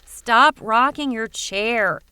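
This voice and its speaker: Woman doing a young storybook boy, groggy, strained, groaning, slow, bright clean voice. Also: on the high side, smooth, dry recording.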